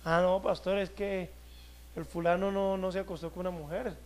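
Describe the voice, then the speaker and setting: A male pastor preaching a sermon, emphatic, stretching key words and swinging between loud and soft. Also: sits high, steady tone, normal speed.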